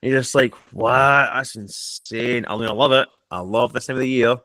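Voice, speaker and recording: A man's voice: medium pitch, fairly even intonation, fast talker, a bit bright, no echo. A man chatting casually about TV shows on a podcast, rambling and restarting his sentences, laughing as he talks. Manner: rambling, lots of restarts, laughs while talking. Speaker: podcast guest or co-host. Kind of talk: casual chat about TV and film.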